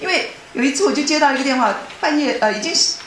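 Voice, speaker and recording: A woman giving a personal testimony in a church hall, telling her story earnestly and excitably, often restarting her sentences. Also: sits high, racing, a little hiss or hum.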